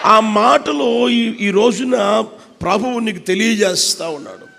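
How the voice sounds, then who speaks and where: High-voiced preacher in an echoing church hall. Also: male voice, measured pace, gravelly, a little hiss or hum. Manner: impassioned preaching, swinging between shouted peaks and hushed low lines; repeats phrases and addresses the congregation directly. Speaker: pastor. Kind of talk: sermon. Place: church service. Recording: long church hall reverb.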